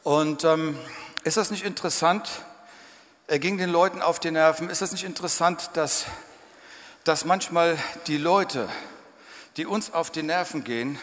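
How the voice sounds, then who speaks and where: A man preaching a sermon in church, emphatic and dramatic, sometimes breaking into loud shouts. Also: on the high side, measured pace, pauses often. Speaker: pastor. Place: church hall. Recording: church hall reverb.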